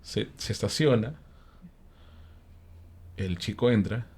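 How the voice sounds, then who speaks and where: A Peruvian man with a somewhat low voice narrates a ghost story in a casual panel chat. He is an animated storyteller who acts out the characters' lines, and he often uses fillers and tag questions. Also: takes it slowly, slightly rough. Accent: Peruvian Spanish. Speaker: panel guest telling ghost stories.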